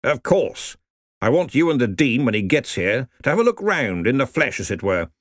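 A bluff, commanding old wizard who runs a university, as a man puts him on. He speaks in a pompous, hearty manner with a lively lilt. The sound is dry and close. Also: medium pitch, normal speed, no echo, pitched above the performer's own voice. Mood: bossy.

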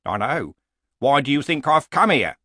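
A stubborn, world-weary old barbarian, acted by a male story reader, grumbling bluntly with a very animated rise and fall. The voice is dry and close, with an elderly hero's grumpy resolve. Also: mid-range voice, normal speed, no room sound, pitched above the performer's own voice. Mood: resigned.

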